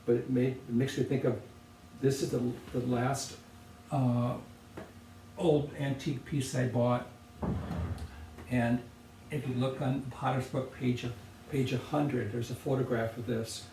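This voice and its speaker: An older man, a potter, talking thoughtfully and unhurriedly about objects he cares about, with pauses and restarts. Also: medium pitch, level tone, vocal fry. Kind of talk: relaxed reflective conversation. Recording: roomy, distant from the mic, faint noise.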